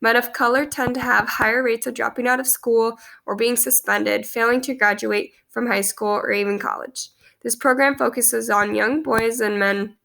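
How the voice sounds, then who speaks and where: With a stuffy cold, a young woman in her twenties earnestly presents her class post, reading aloud to a close webcam in a small room. She speaks a little high, with vocal fry and a fairly bright tone.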